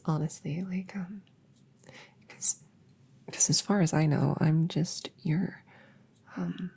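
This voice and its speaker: A shy, smitten elf woman, acted by a woman in a soft ASMR role-play. Her voice is extremely breathy with a creaky fry, and she moves very slowly through hesitant, rambling, gently caring sentences full of awkward stammers. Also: low-pitched, full character voice. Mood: flustered, embarrassed.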